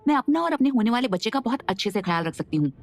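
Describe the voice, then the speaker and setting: A woman voicing a young pregnant wife who swings between fright and fury, with a sharp, accusing manner. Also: on the high side, big pitch swings, rapid-fire. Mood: furious.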